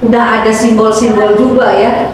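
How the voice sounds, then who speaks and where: A high-pitched woman teaches in a conversational, questioning way. She is picked up from a distance in a very echoey room, with clear noise around her. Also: level tone, normal speed. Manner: asks questions and checks understanding with tags. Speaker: teacher leading a class. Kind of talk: interactive classroom lesson, conversational.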